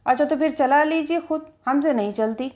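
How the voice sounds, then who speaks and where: A woman's voice: high-pitched, lively intonation, moderate pace, a little mellow, pitched above the performer's own voice. A woman voicing a cheeky young male chauffeur who teases and coaxes in a playful, mocking way. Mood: teasing.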